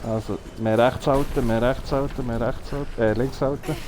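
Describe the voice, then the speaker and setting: A man's voice: medium pitch, fairly even intonation, normal speed. A man with a Bernese Swiss German accent, giving casual commentary as he plays a game. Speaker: let's play host. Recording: clear noise behind the voice. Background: video game noise.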